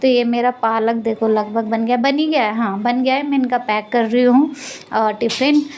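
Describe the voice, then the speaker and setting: This is a woman with a fairly high voice, walking viewers through a home cooking vlog from her kitchen. She talks in an easy, chatty way, often chuckling and laughing at her own slips of the tongue. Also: fairly even intonation, normal speed, darkish tone. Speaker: vlogger.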